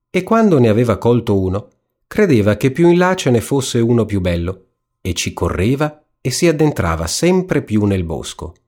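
A man reading a fairy tale aloud as storyteller, with an expressive, lilting delivery. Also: on the low side.

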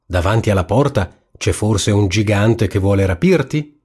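A man's voice: lowish voice, expressive, moderate pace, darkish tone, breathy edge. A man voicing a stern, fatherly king in a storybook reading, firm and commanding.

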